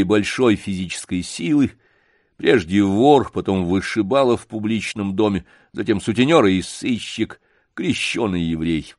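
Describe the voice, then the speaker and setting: A man narrating a story in a measured, expressive audiobook reading. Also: on the low side, dry recording, clean studio sound.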